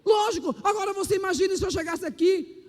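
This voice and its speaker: Man preaching a testimony sermon, very high voice, animated, reverberant church hall. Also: quick pace. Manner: animated, preacherly, acts out quotes with voice shifts. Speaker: pastor.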